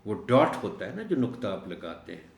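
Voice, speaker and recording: A man teaching a recorded lesson for teachers, explaining words slowly and drawing out the key ones. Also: on the low side, very animated, vocal fry, reverberant. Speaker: teacher trainer.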